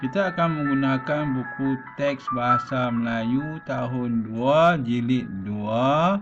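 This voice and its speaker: A male primary school teacher with a Malaysian Malay accent, reciting verses slowly and stretching each phrase, dropping "ha" between points. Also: mid-range voice, muffled recording, over music. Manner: slow, drawn-out recitation of verses; repeats "ha" as a filler. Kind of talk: classroom lesson recording.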